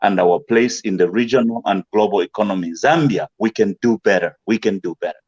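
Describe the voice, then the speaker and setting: A male guest giving measured, rallying closing remarks. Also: on the low side, darkish tone, slightly rough, dry recording, lo-fi sound. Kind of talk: closing remarks on an online talk show.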